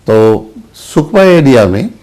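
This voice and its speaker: An older man, a senior journalist, answering interview questions slowly, with pauses, restarts and repeated words. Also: mid-range voice, sing-song, dark tone. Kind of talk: interview answers, recalled anecdotes.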